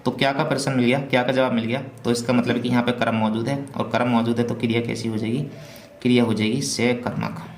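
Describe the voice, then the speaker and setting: A man's voice: mid-range voice, fairly even intonation, fast. Echoey male Hindi grammar teacher. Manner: asks and answers his own questions. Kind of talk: revision class lecture. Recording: echoey room with faint hum.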